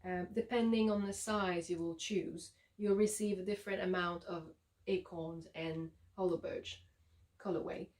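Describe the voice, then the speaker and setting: A woman with a French Canadian accent, a yarn dyer giving a relaxed, chatty showcase of her shop's products with frequent ums and uhs. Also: on the low side, a little slow. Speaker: yarn dyer and shop owner.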